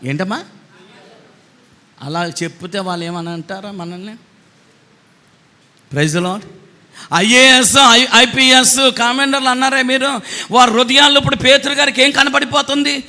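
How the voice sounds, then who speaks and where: A man preaching a sermon as pastor, swinging from quiet asides to shouted refrains. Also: very high voice, steady tone, unhurried, pauses often, long reverb tail.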